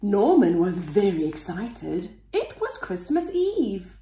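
Expressive woman reading a children's book. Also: mid-range voice, takes it slowly, echoey room. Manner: expressive, sing-song. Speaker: children's story reader.

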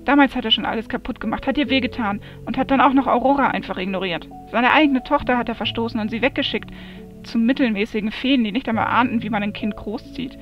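A grumbling male raven in human form, loyal to his mistress but quick to mutter complaints, read out by a woman. The voice sits fairly high. It comes through a dull, lo-fi recording with faint music behind it. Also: close to an everyday voice. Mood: agitated. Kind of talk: amateur fantasy audiobook reading.

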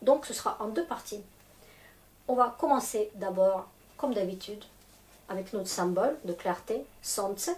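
A woman's voice: mid-range voice, measured pace, darkish tone. A woman teaching a language lesson in French, explaining patiently step by step. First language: Russian. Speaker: Russian teacher. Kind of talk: slow, clear language lesson.

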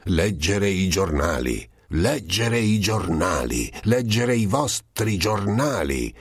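A man voicing a choleric middle-aged monk who shouts and sputters insults, read as an audiobook character. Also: on the low side, very animated, unhurried, no room sound, studio quality, voice pushed up. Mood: sputtering rage.

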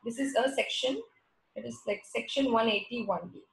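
A woman's voice: a little high, normal speed, gravelly, low-quality recording. A woman with a South Indian accent teaching an online class over a video call, explaining by repeating and rephrasing her points. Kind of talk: slide lecture with repeated check words.

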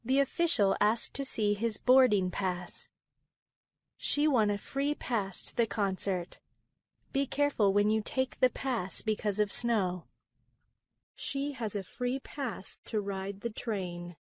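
A woman reading vocabulary words and example sentences slowly and plainly. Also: medium pitch. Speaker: vocabulary lesson reader. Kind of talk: slow read example sentences.

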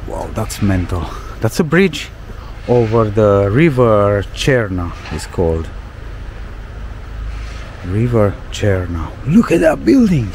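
A young man from Romania vlogs his travels on a town street, talking to viewers he calls "guys," exclaiming at the sights and filling gaps loosely. His voice is fairly low, very animated and a little mellow, slow with frequent pauses, and a faint hiss or hum sits under it.

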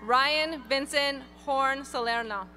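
A woman reading graduates' names one by one at an outdoor graduation ceremony, in a clear, measured announcing manner. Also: high voice, bright, forceful tone, soft background music. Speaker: graduation name reader. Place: outdoor stadium ceremony over PA.

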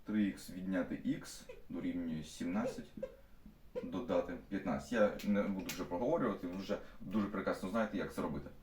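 Teacher, male, young adult, low voice. Explains problems step by step. Recorded from a distance in an echoey classroom. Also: brisk, darkish tone, slight background noise. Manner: stops often to restate steps with fillers. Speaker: math teacher. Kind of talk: explaining math problems to students. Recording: echoey room, mic at a distance.

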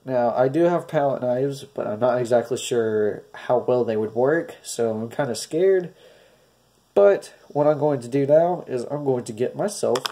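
A stuffy, nasal man narrates a casual craft tutorial, his mellow voice carrying a gravelly fry. He talks through each step in a hesitant, hopeful way. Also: medium pitch, a little slow. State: stuffy, congested. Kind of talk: casual DIY painting tutorial.

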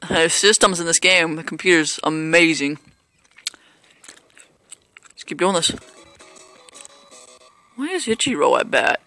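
A man's voice: fairly high pitch, expressive, a little slow, pauses often, sharp tone, no echo, soft background music. A man casually commentating his own baseball video game play, rambling and joking at himself with lots of fillers. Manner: rambling, self-mocking, hesitant with fillers. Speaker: gameplay commentator.

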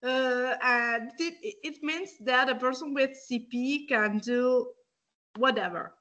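Thirties woman from Italy on a video call; very slow, earnest delivery with a bright edge. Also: high-pitched, highs cut off. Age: 30s. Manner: slow, earnest, laughs between phrases. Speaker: guest. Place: indoors at home by a window.

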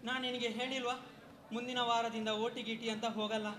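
A man's voice: very high voice, little pitch movement, a little fast, noisy background. A man acting a remorseful husband in a stage drama, pleading and defensive.

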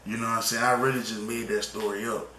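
A man's voice: fairly low pitch, flat delivery, fast, slight background noise. A young man rambling through a storytime vlog in casual slang, often tagging on "you know what I'm saying". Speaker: vlogger telling a story. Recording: echoey room with loud music behind.

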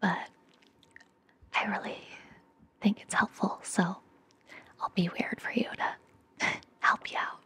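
Close to a fluffy-covered mic indoors, a young ASMR podcast host whispers gentle, reassuring relaxation guidance and affirmations. The breathy whisper stays medium-pitched and steady, moving slowly with frequent pauses.

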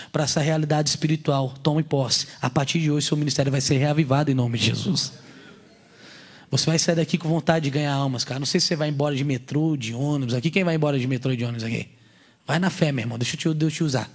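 A man preaching to a congregation at a youth service. He is animated and slangy, joking and acting out little scenes as he preaches. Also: a little high, fast talker, breathy edge. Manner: slangy, casual street talk. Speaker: pastor. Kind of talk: sermon at a youth church service.

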